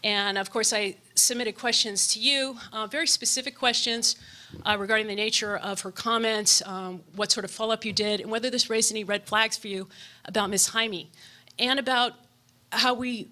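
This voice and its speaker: A woman's voice: a little high, fairly even intonation, moderate pace, pushed and bright. A woman making a public comment at a school board meeting, a little out of breath, earnest and apologetic, with frequent hesitations.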